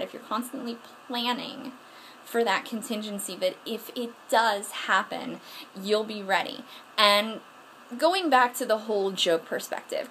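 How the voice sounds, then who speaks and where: A woman's voice: medium pitch, pushed and bright, a little hiss or hum, low-quality recording. A woman giving self-defense tips to her camera at home in a frank, earnest way, often restarting herself. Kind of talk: casual instructional talk to camera. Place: at home, moving around in front of the camera. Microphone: camera mic, distance changing as she moves.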